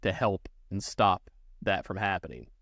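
A man co-hosting a podcast in casual chat, relaxed, laughing easily and debating back. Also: sits low, a little slow, dry recording, studio quality. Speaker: podcast co-host.

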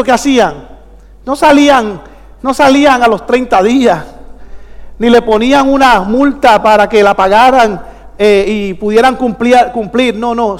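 High-voiced man preaching in an echoing church. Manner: emphatic, calls out questions to the congregation. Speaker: pastor. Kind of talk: preached sermon.

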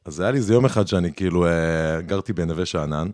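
A man's voice: sits low, darkish tone, no echo, studio quality. A man hosting a podcast, telling anecdotes in casual chat with many fillers and laughs. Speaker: podcast host.

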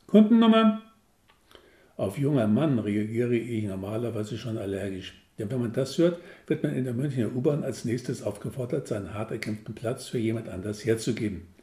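A man's voice: lowish voice, a little fast, few pauses, dark tone. A man in his sixties reading his own humorous story aloud in a wry, self-mocking way. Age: 60s. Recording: roomy echo.

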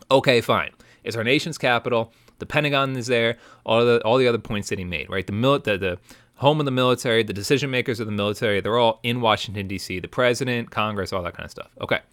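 A man's voice: mid-range voice, fast talker, no echo. Guy ranting about sports teams on his podcast, emphatic, keeps saying right?, dry close sound. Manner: animated, emphatic, rhetorical questions and frequent "right?". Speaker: podcast host. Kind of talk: opinionated sports talk monologue.

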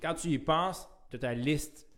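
A man's voice: on the high side, unhurried, a bit bright. A man with a Québécois French accent, co-hosting a podcast in casual chat, often hesitating and repeating words. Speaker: podcast co-host.

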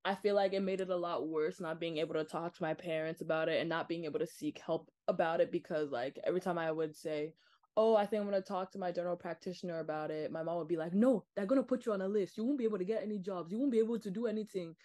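A young woman from Nigeria speaks as a podcast guest in a slightly low voice. She talks candidly and earnestly, with lots of loose fillers. The tone is casual and conversational. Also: fairly even intonation, fast talker, mellow.

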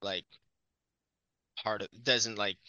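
A man speaking haltingly with long pauses in a casual podcast chat. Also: on the low side, fairly even intonation, muffled recording, crowd noise. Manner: halting, pausing speech. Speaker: podcast guest.

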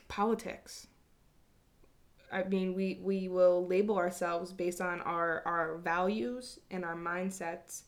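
A woman's voice: on the low side, darkish tone. A woman talking to her viewers in a reflective personal monologue, earnest and rambling, with casual swearing. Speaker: vlogger.

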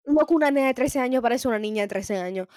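A woman's voice: a little high, quick pace, darkish tone, no echo, clean studio sound. A Puerto Rican woman in her twenties in casual, slangy Spanglish chat, switching between Spanish and English and swearing freely. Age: 20s.

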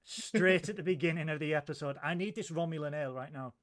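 A man with a slightly high voice who hosts a live show. He moves from sweeping, mock-grandiose welcomes to dry, sardonic teasing. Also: fast, a loud crowd. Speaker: host. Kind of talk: theatrical show introduction and banter.

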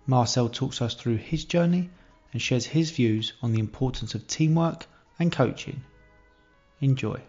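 A man's voice: mid-range voice, a little slow, darkish tone, lo-fi sound, faint music behind. A man hosting a podcast interview, with a friendly manner. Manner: friendly, laughs often. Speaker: podcast host.

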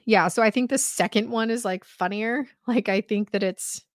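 A woman co-hosting a casual podcast, talking in a relaxed way that is full of hesitations and fillers. Her voice sounds dry and close, with no room echo. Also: mid-range voice, normal speed. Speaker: podcast co-host. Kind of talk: casual chat.

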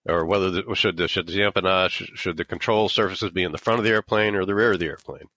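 A middle-aged man giving explanatory interview answers, starting haltingly and then making his points emphatically. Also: deep voice, sharp tone, no room sound. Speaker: interview guest, author and former aerospace engineer.

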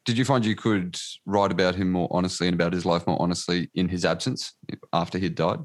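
A male interviewer who asks brisk questions and cuts in. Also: low voice, steady tone.

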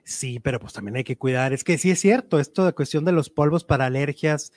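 A man's voice: fairly high pitch, brisk, a little mellow, no room sound. A man chatting casually about celebrity gossip, talkative and opinionated, with many fillers. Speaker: entertainment news commentator.

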